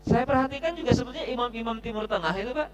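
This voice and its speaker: A man teaching Quran recitation at a mosque study session, chatty and joking, drilling the audience with slow, drawn-out recitations. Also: extremely high pitch, soft background music.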